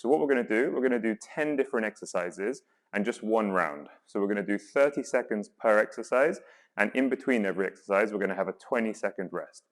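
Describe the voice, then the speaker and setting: A man leading guided exercise as a workout instructor, coaching in an encouraging, reassuring way with counts and cues. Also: fairly low pitch. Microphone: worn mic while exercising.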